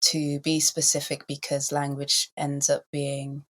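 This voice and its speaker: A Welsh woman from Wales, a podcast guest answering in a thoughtful, measured way with frequent ums. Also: deep voice, monotone, a bit bright. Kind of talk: reflective interview answers.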